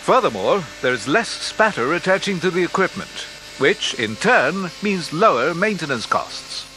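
A man narrating an industrial training film in a measured, instructive way, as a studio voice-over. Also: on the high side, sing-song, background noise. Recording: faint music behind narration.

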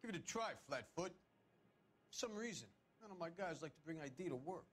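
An actor playing a middle-aged crooked car dealer in a 1940s crime game, defensive and sarcastic, talking in streetwise old slang. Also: male voice, high-pitched, animated, fairly quick, fairly bright tone.

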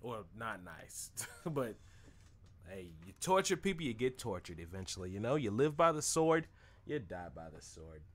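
Streaming a video game, a young man chats in a lowish, sing-song voice at a moderate pace. His gameplay commentary is casual, jokey and meandering.

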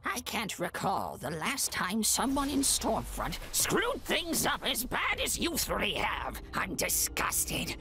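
A woman's voice: a little high, wildly swooping pitch, slow pace, hardly any pauses, exaggerated voice. A woman voicing a menacing, humorless cartoon villain general, contemptuous and short-tempered with underlings. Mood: simmering menace.

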